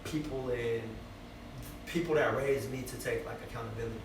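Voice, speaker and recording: A man's voice: medium pitch, steady tone, a little fast. Bay Area guy in his twenties, loose reflective chat, roomy echo, distant noisy mic. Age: 20s. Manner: loose, reflective, many fillers and "you feel me". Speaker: rapper guest. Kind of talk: casual interview chat.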